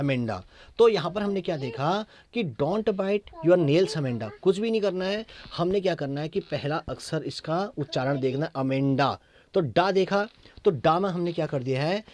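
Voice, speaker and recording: A man teaching an English lesson in Hindi, mixing in English, with an Indian accent. He repeats key points, checks with the class through short questions, and reads English verse lines slowly. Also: on the high side, darkish tone.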